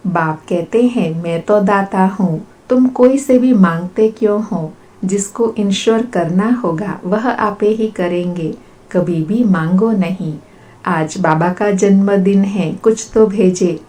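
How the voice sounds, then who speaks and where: Brief: woman as spiritual reader, unhurried steady recitation, mellow tone. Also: lowish voice. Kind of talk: reading a religious discourse aloud.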